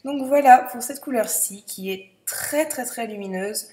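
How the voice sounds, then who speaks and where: A woman's voice: a little high, unhurried, warm tone. A young woman chatting casually through a makeup swatch review, hesitant, with many fillers and repeated words. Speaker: beauty vlogger. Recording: echoey room.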